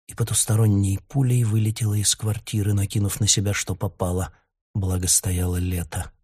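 A man narrating an audiobook in a lively, dramatic storytelling manner. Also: on the low side, moderate pace, slightly rough. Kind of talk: audiobook reading.

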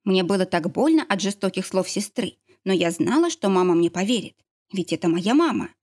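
Woman narrator, first-person audiobook, expressive with a wide, lively pitch range. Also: brisk. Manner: expressive, emotional reading.

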